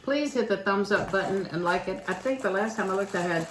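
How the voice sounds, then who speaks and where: A woman's voice: mid-range voice, a little fast. An older woman with a Kentucky accent, chatting in a folksy home vlog about her own childhood. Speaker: channel host. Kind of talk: casual home vlog chat. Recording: echoey room with faint noise.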